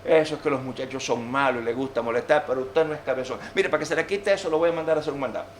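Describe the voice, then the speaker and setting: A man voicing a mother who gently coaxes and comforts her son in a folksy way. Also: medium pitch, very fast, a little hiss or hum, close to an everyday voice. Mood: coaxing. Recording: roomy church echo.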